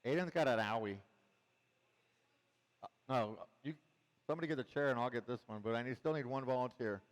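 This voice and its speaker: A man calling an amateur race in a loose, joking way, chatting to drivers and marshals between calls. His voice sits at an ordinary middle pitch. It carries a long reverb tail, as if from a PA system across an open track. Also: brisk. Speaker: race director and commentator. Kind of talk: casual live race commentary.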